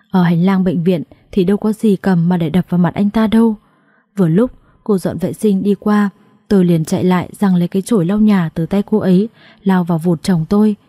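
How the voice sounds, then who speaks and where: A woman narrating a dramatic first-person family story in a brisk, vivid way. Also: mid-range voice, dark tone, dry recording, clean studio sound.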